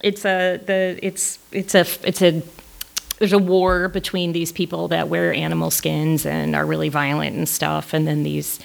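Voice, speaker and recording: Female scholar guest, low-pitched, chatty, prone to laughter. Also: flat delivery, gravelly. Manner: chatty and laughing, with quick asides. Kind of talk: casual conversational podcast.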